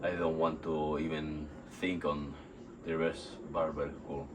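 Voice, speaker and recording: Very deep-voiced man, sick and halting. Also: little pitch movement, noisy background. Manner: halting, rambling, repeats and searches for words. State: sick and nauseous. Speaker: home workout vlogger. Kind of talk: casual unscripted workout vlog. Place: outdoors in a still yard under a tarp. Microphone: phone on a tripod.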